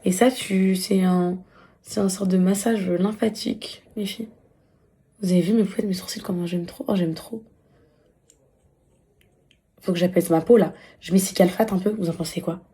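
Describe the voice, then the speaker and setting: A woman's voice: fairly low pitch, steady tone, normal speed, pauses often, dark tone, husky. A woman chatting casually with her followers in a vlog while doing her skincare at home, breezy and talking to them as girlfriends. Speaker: lifestyle vlogger.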